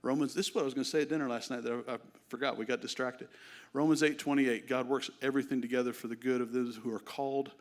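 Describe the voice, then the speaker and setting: A middle-aged man preaching a sermon in a relaxed, conversational way, telling lively stories to the congregation. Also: medium pitch, fast. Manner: conversational, animated storytelling. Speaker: guest preacher.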